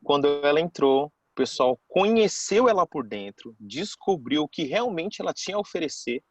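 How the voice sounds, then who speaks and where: A man's voice: fairly high pitch, sing-song, normal speed, no room sound. A man, telling a personal story to a class in a casual, chatty way and acting out the people he quotes. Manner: chatty, keeps saying "cara".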